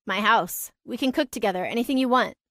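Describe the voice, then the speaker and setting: A woman's voice: on the high side, a little fast, fairly bright tone, no room sound, studio quality. A woman reading the part of an earnest, hopeful billionaire father in an audiobook. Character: eager single-father billionaire man.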